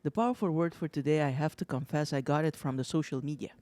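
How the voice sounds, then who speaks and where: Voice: medium pitch, animated, quick pace, no echo. A co-host of a wellness talk show, speaking in a reflective way and often repeating phrases. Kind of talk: casual talk show chat.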